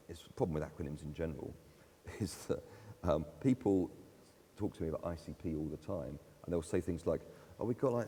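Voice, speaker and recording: Male conference speaker, deep and warm, casual delivery with fillers, hall reverb. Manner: conversational, with fillers and self-deprecating laughs. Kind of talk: live talk at a conference.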